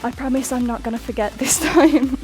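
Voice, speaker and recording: A young woman leads a workout in an upbeat coaching voice, counting down each set and talking through the reps. Her voice sits a little high and gets breathless at times. Faint music plays underneath her. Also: brisk, a little mellow. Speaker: fitness instructor. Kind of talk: workout instruction over music.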